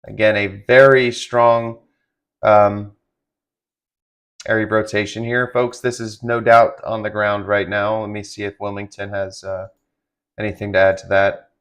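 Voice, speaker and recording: A man doing live severe weather commentary, halting and improvised, giving urgent and direct warnings to listeners. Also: on the low side, level tone, fairly bright tone. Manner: halting, improvised phrasing with repeated restarts. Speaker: live-stream weather broadcaster.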